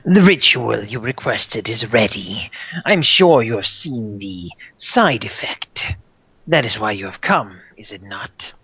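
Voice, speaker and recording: Guy doing a menacing undead tyrant wraith for a tabletop game, gravelly, slow ominous delivery. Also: on the low side, animated, bright, forceful tone, highs cut off, full character voice. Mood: scheming. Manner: slow, grandly ominous pronouncements.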